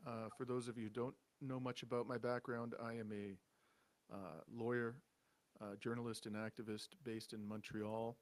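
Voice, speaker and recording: A man hosting a live online talk show, speaking measured and firm with frequent uhs. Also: medium pitch, level tone. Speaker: host, founder of the show.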